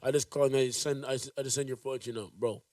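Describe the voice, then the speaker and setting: A man's voice: mid-range voice, steady tone, quick pace, darkish tone, dry recording, distant mic. A young man from Jamaica co-hosting a podcast, musing in a rambling way with many fillers in casual chat. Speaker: podcast co-host.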